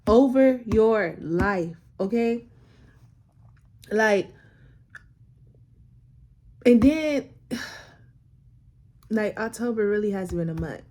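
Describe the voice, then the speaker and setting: A woman's voice: medium pitch, animated, drawn-out words, pauses often, dark tone. A woman, sharing a personal faith story in a casual, emotional way, close to tears and repeating phrases for emphasis. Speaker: vlogger sharing a faith testimony.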